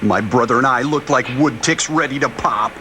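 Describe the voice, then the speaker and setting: A man's voice: medium pitch, normal speed, loud music behind the voice. A man riffing playfully over an old film with jokey asides. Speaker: riffing host.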